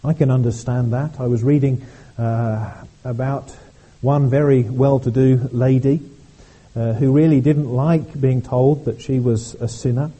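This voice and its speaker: Dark, husky-voiced male preacher. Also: mid-range voice, fairly even intonation, rough recording. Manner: earnest, halting delivery with frequent repeated words. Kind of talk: sermon. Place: church service.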